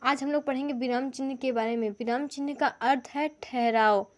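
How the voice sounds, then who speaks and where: A woman teaching a grammar lesson, explaining slowly and working through examples from her notes. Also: high-pitched, steady tone.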